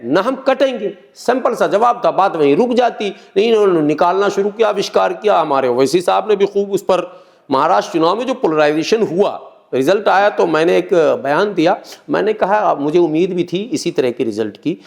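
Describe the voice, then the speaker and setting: A man's voice: high voice, animated, fairly quick, gravelly. A middle-aged man, a guest in an interview, explaining his views earnestly and repeating key phrases. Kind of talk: political interview talk.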